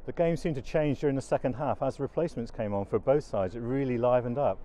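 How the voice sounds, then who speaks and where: Brisk older sports presenter. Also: male voice, medium pitch, mellow, slight background noise. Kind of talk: post-match interviewer. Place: outdoors at a floodlit rugby ground at night.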